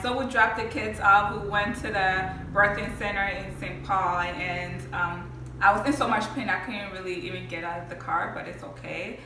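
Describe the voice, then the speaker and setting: A woman's voice: medium pitch, pushed and bright. A young woman in a casual chat, telling a birth story and laughing often. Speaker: vlogger sharing her birth story. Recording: echoey room from far off.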